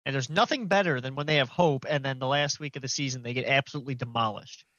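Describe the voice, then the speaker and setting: A man's voice: mid-range voice, fast, fairly bright tone, no echo, muffled recording. A man co-hosting a sports podcast, blunt and profane in his ribbing. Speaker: podcast co-host. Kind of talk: casual sports chat.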